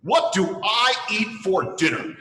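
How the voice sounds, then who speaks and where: Santa Claus, cheery storyteller played by a man, lively rising and falling, unhurried, in a reverberant hall. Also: high voice, slight background noise, exaggerated voice. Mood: jolly. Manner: slow, theatrical reading with playful chuckles. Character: jolly old Santa Claus, grandfatherly and playful. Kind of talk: holiday story reading and kids' Q&A.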